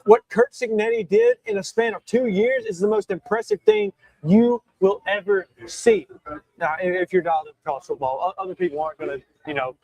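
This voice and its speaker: Young guy ranting about college football, high voice that jumps all over, dry close sound, keeps restarting, has hiccups. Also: brisk, vocal fry, no echo, low-quality recording. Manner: animated, emphatic, frequent restarts and self-corrections. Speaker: show host. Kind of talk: solo sports talk.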